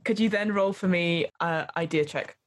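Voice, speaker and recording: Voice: medium pitch, normal speed. Game master, mid-range voice, casual narration, tabletop role-play instructions.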